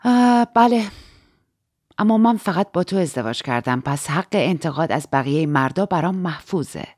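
A woman voicing a proud, sharp-tongued noble lady who answers curtly. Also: fairly low pitch, animated, no echo, clean studio sound. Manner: curt, irritated.

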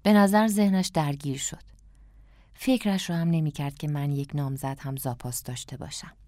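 Low-voiced woman reading a story, calm and thoughtful, dry close sound. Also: no room sound. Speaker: narrator. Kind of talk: audiobook narration.

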